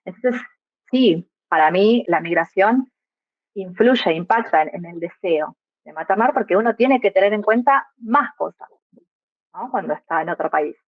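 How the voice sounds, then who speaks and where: With a medium-pitched, animated voice at normal speed, a young adult woman from Argentina reflects on a podcast as a guest and migrant mother. Her Argentine Spanish accent carries frequent little tag questions, recorded dry with dull audio.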